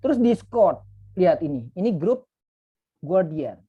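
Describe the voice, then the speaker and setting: A man's voice: high voice, sing-song, a little slow, breathy edge, muffled recording. A man in his thirties, a youth mentor, giving a casual, chatty online talk full of fillers and asides. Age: 30s.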